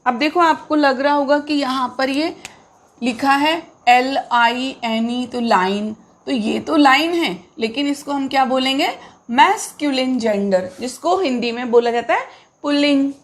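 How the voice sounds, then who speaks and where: A woman teacher, explaining grammar to pupils in a relaxed, repetitive way and asking them questions as she goes. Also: high-pitched, measured pace. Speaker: English teacher. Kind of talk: classroom lesson explaining grammar.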